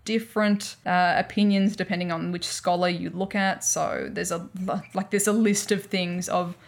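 Brief: Australian woman podcast co-host, lower register with gravelly fry, rambling and chatty. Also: fairly even intonation, moderate pace. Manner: chatty, rambling, laughs often. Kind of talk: casual explanatory chat.

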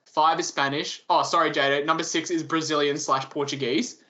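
A man's voice: fairly high pitch, flat delivery, fairly quick, pushed and bright, dull audio. A man hosting a casual chat among friends, reading out a ranked list and teasing the others.

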